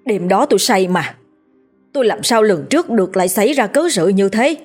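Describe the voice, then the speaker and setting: A guilty old patriarch snaps and shouts at his wife in a rough, commanding tone. Fear and bluster run together in him, as a woman narrator puts him on. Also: fairly low pitch, moderate pace, soft background music, close to an everyday voice. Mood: angry. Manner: harsh barking orders. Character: domineering old patriarch, frightened yet quick-tempered.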